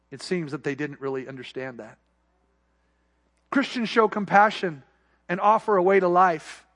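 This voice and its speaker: A male pastor preaching a sermon to his church, building to emphatic peaks and dropping to quiet, soft asides. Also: high voice.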